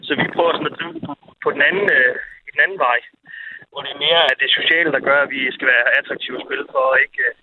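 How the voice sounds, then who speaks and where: A man, an amateur football coach, talks as a radio guest and pauses often with fillers and restarts. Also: fairly high pitch, background noise. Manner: hesitant, many fillers and restarts. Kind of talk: radio phone-in interview. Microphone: telephone. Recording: tinny phone line, dry.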